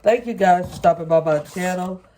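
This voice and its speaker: Working at the counter of her home kitchen, the plant vlogger gives viewers a relaxed, folksy step-by-step demonstration, her blocked nose from recent sinus surgery making her sound stuffy and nasal. Her voice is medium-pitched and dark-toned at a moderate pace, with a bit of background noise.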